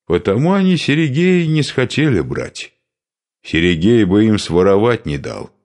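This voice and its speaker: A man voicing a suspicious, grumbling male warrior who insists in a low hushed voice. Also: big pitch swings, normal speed. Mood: insistent. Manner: whispered, insistent.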